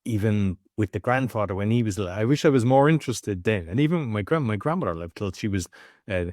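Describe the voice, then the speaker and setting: Guy hosting a podcast, low voice, chatty and loose, lots of kinda and like, dry sound. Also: animated, fairly quick, darkish tone, no room sound. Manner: loose, conversational, leans on filler words. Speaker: podcast host. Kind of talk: casual interview chat.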